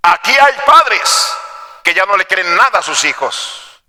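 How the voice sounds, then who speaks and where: A male pastor preaching a sermon, dropping to hushed storytelling and then rising to shouted exhortation, calling his listeners brothers. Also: high voice, very animated, measured pace, in a large hall. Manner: addresses the congregation as brothers. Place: church sanctuary.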